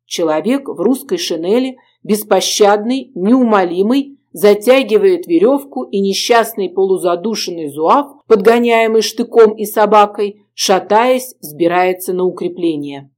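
A woman reading an adventure novel aloud as audiobook narrator, in a measured, expressive way. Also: medium pitch.

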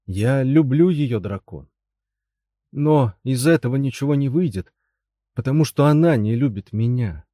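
A big, self-loathing knight, read by a man speaks in a plain, glum way with a mellow, dark tone. The storybook reading sounds dry and close. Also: medium pitch, lively intonation, measured pace, no echo, close to an everyday voice. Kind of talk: audiobook character voice.

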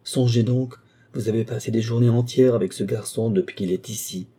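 A man's voice: mid-range voice, voice pushed up, natural voice. Man doing a weary aging lawyer. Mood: grave. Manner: slow, gentle and pleading, with heavy pauses.

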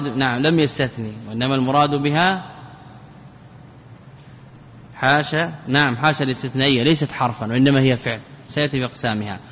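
A man, a scholar giving a traditional lecture on Arabic grammar, speaking deliberately, repeating key words and checking that students follow. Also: mid-range voice, a bit bright, slight background noise. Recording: long hall reverb.

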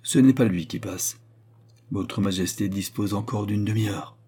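A man's voice: fairly low pitch, moderate pace, mellow, husky. A man reading aloud as a solemn baron who respectfully but firmly presses his accusation before the king. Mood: insistent. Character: grave, deferential scheming minister, a baron. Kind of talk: audiobook character reading.

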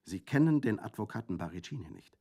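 A man's voice: lowish voice, fairly quick, vocal fry, dark tone. A man reading aloud and voicing a passionate young Corsican woman who pleads and rages with fierce intensity. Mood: imploring. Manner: vehement, imploring. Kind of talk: audiobook reading.

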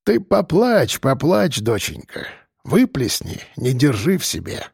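A man voicing a kind, tired old man who speaks softly and soothingly, with heavy sighs. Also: fairly high pitch, expressive, moderate pace, no room sound, clean studio sound. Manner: soft, soothing, heavy-sighing. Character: kind, weary old grandfather.

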